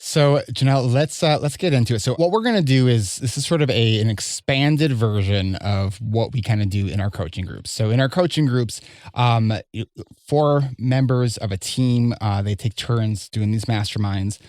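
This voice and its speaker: A man hosting a podcast in a relaxed, easygoing conversational tone, pausing on fillers as he goes. His voice sits at an ordinary pitch, recorded dry and close with no room sound. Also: no echo. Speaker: podcast host.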